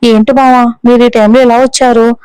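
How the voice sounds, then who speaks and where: Brief: woman reading as a naive teasing young guy, bright smooth storybook voice. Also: fairly high pitch, flat delivery, normal speed, no echo, natural voice, rough recording.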